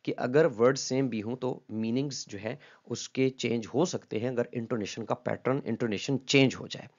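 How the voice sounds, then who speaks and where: A man's voice: medium pitch, moderate pace, darkish tone. Patient man lecturing on linguistics. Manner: patient, repeats key terms, checks in with "ठीक है?"; mixes English terms into Hindi-Urdu speech. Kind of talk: explanatory lecture. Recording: slightly dull lo-fi audio.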